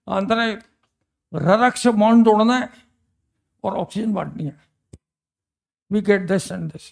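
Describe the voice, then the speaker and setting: A man's voice: high-pitched, creaky, darkish tone. An older man, teaching a chemistry class in a chatty way, quizzing students and reminiscing between questions. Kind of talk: classroom lecture.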